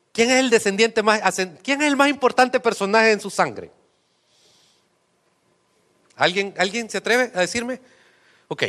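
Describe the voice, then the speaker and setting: A man's voice: high voice, sharp tone. A middle-aged male pastor preaching a sermon in a church, often asking the congregation questions.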